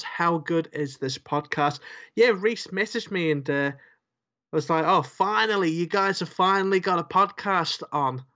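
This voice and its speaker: A man's voice: on the high side, a bit bright, highs cut off. A man co-hosting a podcast in casual chat, rambling and joking with lots of fillers. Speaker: podcast co-host.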